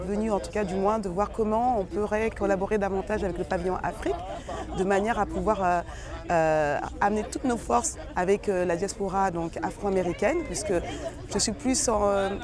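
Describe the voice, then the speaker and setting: A woman from French Guiana, a media entrepreneur, answering interview questions at a festival with frequent hesitations. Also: medium pitch. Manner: fluent, many fillers. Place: outdoors at a busy festival. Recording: crowd noise outdoors.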